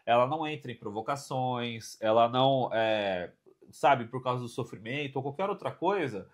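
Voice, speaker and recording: A man's voice: medium pitch, lively intonation. Brazilian man with a tongue-tied lisp. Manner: explanatory, halting, often seeking agreement. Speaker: podcast co-host. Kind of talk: informal Bible teaching.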